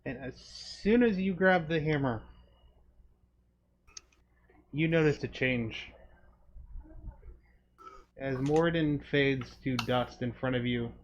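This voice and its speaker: A man's voice: mid-range voice, a little slow, long pauses. A man narrating a tabletop game as game master, describing scenes to his players. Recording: dull sound with faint noise.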